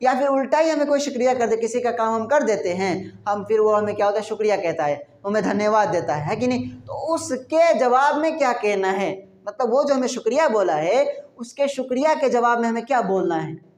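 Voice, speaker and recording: A woman with an Indian accent, a native Hindi speaker, teaches beginners' English in a fairly high voice. She drills words over and over and keeps asking her class rhetorical questions. The sound bounces around an echoey room. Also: fairly quick, few pauses, a little mellow. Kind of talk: spoken English lesson for beginners.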